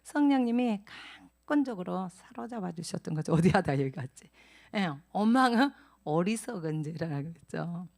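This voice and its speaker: A middle-aged woman giving a lively church testimony, telling her story with laughter and acted-out quotes. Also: on the high side. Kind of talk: testimony talk at a church training session.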